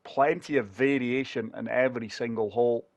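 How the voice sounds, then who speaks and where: Here a gaming channel host, short of breath with a chest infection, talks viewers through each shot of a golf video game in relaxed, chatty commentary. He speaks at normal speed with a medium pitch and fairly even intonation, and there's no echo.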